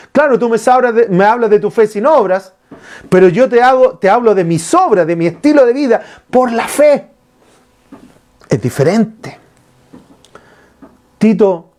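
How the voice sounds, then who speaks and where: A man preaching a sermon as pastor, asking his listeners questions and retelling scripture. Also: high-pitched. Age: adult father. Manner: lively preaching with rhetorical questions to the congregation.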